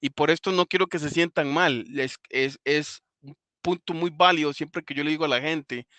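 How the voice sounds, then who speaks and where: A man's voice: a little high, moderate pace, pushed and bright, dry recording. A man hosting a live English class, stressing his points by repeating them. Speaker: English teacher and host.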